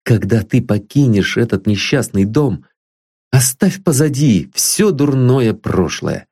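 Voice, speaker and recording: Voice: medium pitch, sing-song, takes it slowly, mellow, husky, pitched above the performer's own voice, full character voice. A reader voicing an earnest, tender young man in an audiobook. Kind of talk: audiobook reading.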